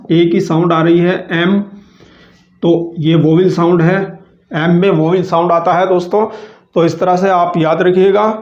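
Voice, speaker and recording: A high-voiced man teaches grammar in a patient, repetitive way and keeps addressing his viewers as friends. The recording sounds echoey and dull, as if made in a bare room with a cheap mic. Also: a little mellow. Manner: patient, repeats slowly, calls viewers friends. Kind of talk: grammar lesson.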